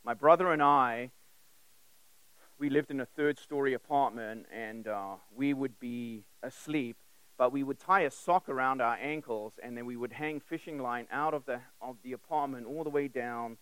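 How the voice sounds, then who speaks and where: At a normal speed, a man with a clear, resonant, slightly bright mid-range voice preaches on a dry, low-quality recording. Raised in South Africa after being born in England, he keeps the sermon conversational and emphatic with direct questions, repeated phrases, and personal tales.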